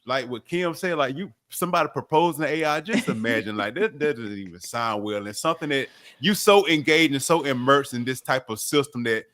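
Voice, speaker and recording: Animated male podcast co-host, dry sound. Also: medium pitch, brisk, no room sound. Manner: animated, emphatic, stumbles over words. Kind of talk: casual chat.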